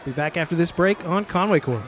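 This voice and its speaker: A man calling a local high school football game, chatty and joking with his partner. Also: expressive, a little fast, a crowd in the background. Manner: jokey, chatty, laughs often. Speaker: play-by-play announcer.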